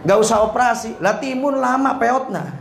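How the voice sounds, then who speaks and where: A man's voice: very high-pitched, lively intonation, normal speed, gravelly. A man preaching a humorous sermon, telling jokey stories and quizzing his audience. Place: prayer room. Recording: echoey prayer room, faint noise.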